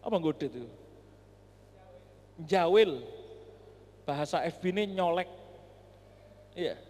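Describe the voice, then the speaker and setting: A high-voiced man preaching in a storytelling way, animated and speaking to the audience directly. His voice carries through a large mosque, and a long reverb hangs after each phrase. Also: slow. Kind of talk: storytelling sermon. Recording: echoey mosque hall.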